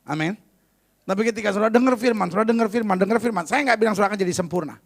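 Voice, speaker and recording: Gravelly-voiced male pastor preaching. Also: sits high, very fast. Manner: conversational, humorous, emphatic. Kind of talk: sermon.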